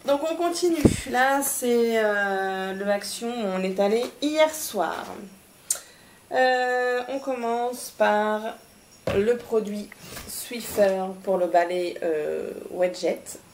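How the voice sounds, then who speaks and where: A woman talks through her latest shopping haul in a relaxed, unscripted way. She hesitates often, restarts sentences and fills pauses with "euh". Her voice sits at an average pitch over a faint background hiss. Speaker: vlogger presenting a shopping haul. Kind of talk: casual haul chat.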